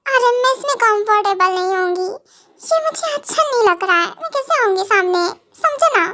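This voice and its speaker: A woman's voice: extremely high pitch, lively intonation, normal speed, bright, forceful tone, exaggerated voice. A young woman voicing a naive, childish young wife in an amateur audio drama, whiny and speaking of herself in the third person. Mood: sulky.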